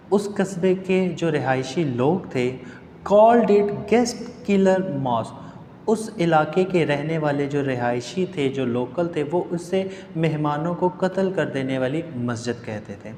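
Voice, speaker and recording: A male teacher in a book-reading lesson. He reads English lines slowly, then explains the meaning of each word at length. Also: a little high, a little mellow, roomy sound, big-room sound, a little hiss or hum.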